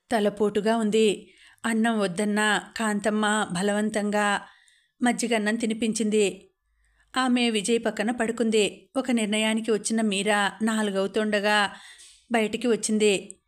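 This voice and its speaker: A woman narrating a novel as an audiobook in steady, measured scripted reading. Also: mid-range voice.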